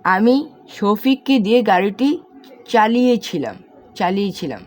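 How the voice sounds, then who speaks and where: A woman's voice: medium pitch, big pitch swings, normal speed. A woman teaching English spelling and pronunciation, spelling words out letter by letter and quizzing the viewer.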